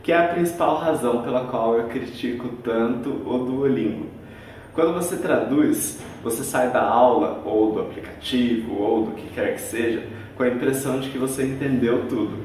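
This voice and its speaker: A man's voice: medium pitch, moderate pace, a little mellow. A Brazilian man teaches a video lesson, patiently laying out examples one at a time. His voice rings in a very roomy space, picked up from well back from the microphone, with a faint hiss underneath. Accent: Brazilian Portuguese. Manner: didactic, spells out examples step by step. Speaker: English teacher. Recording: very echoey room, far from the mic.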